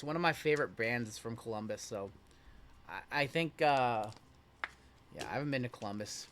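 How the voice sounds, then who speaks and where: Hosting a live-stream card break, this Iowa man opens cards and keeps up relaxed chatter, reading viewer messages aloud with a jokey touch. His voice sits on the higher side and sounds a little bright.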